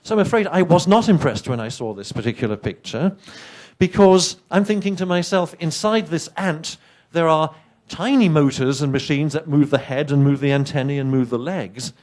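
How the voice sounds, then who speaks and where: A middle-aged man from England, with an English accent but not a native English speaker, gives a lively, chatty science presentation at a conference, adding wry asides. His voice is on the high side and his speed normal.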